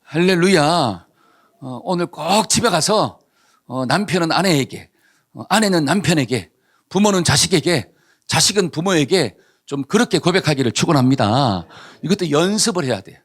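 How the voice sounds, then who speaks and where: A man's voice: fairly high pitch, expressive, normal speed. A male pastor preaching a sermon, telling a story and asking the congregation questions that he answers himself.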